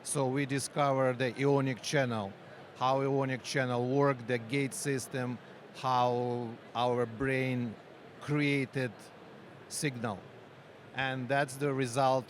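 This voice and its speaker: This man, a company founder and researcher, answers questions at a conference in faltering English colored by a Ukrainian accent. He pauses often and uses fillers, his mid-range voice keeping a level tone. Faint street and vehicle noise can be heard.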